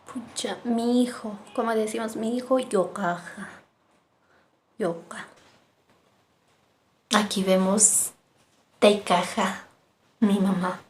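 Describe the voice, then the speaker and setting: A woman's voice: mid-range voice, little pitch movement, slow pace, long pauses. A woman teaching a vocabulary lesson, patiently repeating each word and ending phrases with a questioning tag. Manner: patient, repeats words, adds "¿no?" tags. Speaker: Aymara language teacher.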